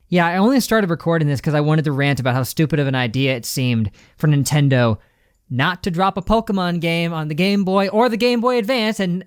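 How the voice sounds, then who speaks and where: A man's voice: fairly high pitch, no echo, clean studio sound. A man streaming a casual, ranting reaction commentary, with an emphatic, slangy way of talking. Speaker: streamer reacting to a game showcase.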